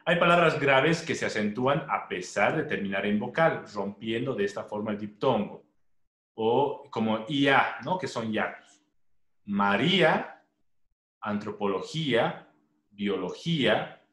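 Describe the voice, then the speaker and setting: A male teacher giving a primary school lesson, speaking slowly and deliberately, repeating words and checking in with short questions. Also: medium pitch. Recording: echoey room.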